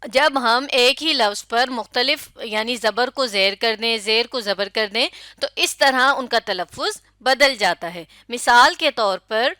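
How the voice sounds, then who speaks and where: A woman's voice: fairly high pitch, sharp tone, no room sound, clean studio sound. A woman with a Pakistani Urdu accent giving a classroom lecture, asking questions, confirming answers and spelling words letter by letter. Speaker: teacher.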